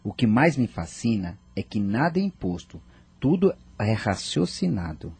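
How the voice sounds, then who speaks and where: A man's voice: fairly low pitch, sing-song, moderate pace, vocal fry, darkish tone, breathy edge, full character voice. An actor in a radio drama playing a grieving father who talks in an earnest, reflective way. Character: grieving widowed father seeking faith.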